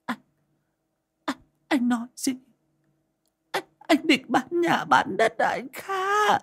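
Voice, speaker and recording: A man's voice: sing-song, takes it slowly, exaggerated voice. Man putting on a weeping old mother. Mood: pleading, tearful. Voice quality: high, creaky, tearful. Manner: begging, stammering.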